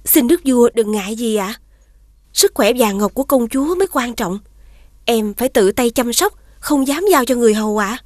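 A woman's voice: a little high, expressive, moderate pace, no echo, studio quality. A scheming witch stepmother. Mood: sweetly false. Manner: sly, commanding. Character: scheming female witch posing as queen's sister. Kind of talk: cartoon dubbing.

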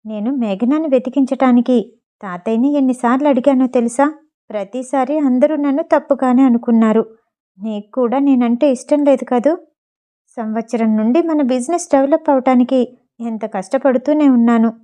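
A woman's voice: high-pitched, normal speed, warm tone, lightly acted. Fields: Figure: a woman doing a bitter, scheming young wife. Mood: bitter, commanding. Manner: bitter and commanding.

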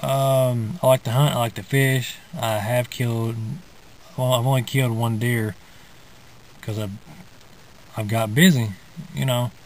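A man's voice: mid-range voice, a little hiss or hum, rough recording. Young man rambling in a parked car. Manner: rambling, drawling, many fillers and restarts. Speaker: vlogger. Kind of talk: casual rambling monologue. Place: inside a parked car in the woods. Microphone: phone or camera held at arm's length.

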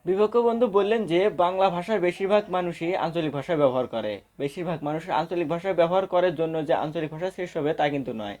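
A man's voice: a little high, expressive, very fast, hardly any pauses, a little mellow. A man giving a formal debate speech in a lecturing, point-by-point manner. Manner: formal, lecturing, counts off figures.

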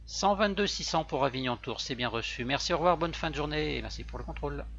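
A man's voice: on the high side, fast. A man acting as a virtual pilot, making methodical radio calls to air traffic control through a cockpit headset. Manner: methodical, steady aviation phraseology. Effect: pilot talking into a cockpit headset mic. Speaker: virtual pilot on a flight simulator. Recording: dull lo-fi sound with steady hum.

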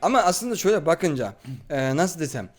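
Music runs under this casual let's-play, where a man hosts with a friend and bossily instructs and complains. His voice is on the high side and brisk, with big pitch swings.

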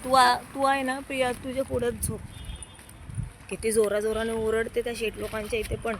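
A woman's voice: a little high, little pitch movement, normal speed, a little hiss or hum. A young woman vlogging outdoors at night on a handheld phone, chatting to viewers and coaxing and scolding her small child. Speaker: vlogger and mother. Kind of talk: casual vlog talk to viewers and her child. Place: outdoors on city streets at night.

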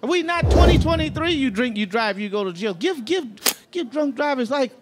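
A young man doing a stand-up set on a comedy club stage, talking loud and animated into a handheld mic, swearing freely. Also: very high-pitched, brisk, noisy background.

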